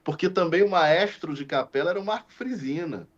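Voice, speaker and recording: Animated deacon telling a story. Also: male voice, a little high, a little fast. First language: Portuguese. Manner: animated, acts out quoted dialogue, frequent restarts. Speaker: deacon, podcast guest. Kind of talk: storytelling in casual conversation. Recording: slightly muffled lo-fi audio.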